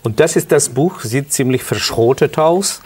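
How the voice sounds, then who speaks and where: A middle-aged man from Ukraine with a Ukrainian accent, earnestly telling his life story as a guest in halting German. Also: mid-range voice, lively intonation, darkish tone, husky. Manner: earnest, halting non-native German with restarts. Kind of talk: personal testimony interview.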